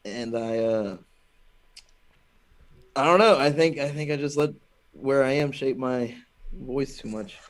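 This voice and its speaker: A man's voice: mid-range voice, a little slow, long pauses. Laid-back Alabama-raised man chatting. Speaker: guest comedian. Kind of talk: casual podcast chat.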